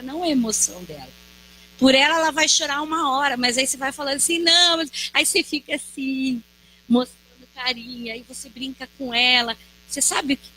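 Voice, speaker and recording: A woman preaching a sermon, animated and acting out the voices she quotes while addressing the congregation as brothers and sisters. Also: high voice, slight background noise, rough recording.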